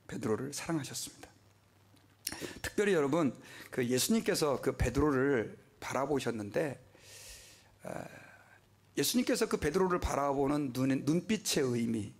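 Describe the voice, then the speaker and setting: A male pastor with a slightly rough, mid-range voice preaches a sermon passionately. He puts questions to the congregation and sometimes drops to a whisper.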